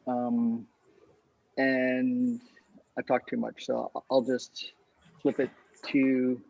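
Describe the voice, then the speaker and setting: A man's voice: mid-range voice, completely flat delivery, drawn-out words, creaky, a little mellow, dry recording. A man who manages web development, introducing himself briefly and self-deprecatingly on dull, lo-fi call audio. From California. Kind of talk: online meeting introduction.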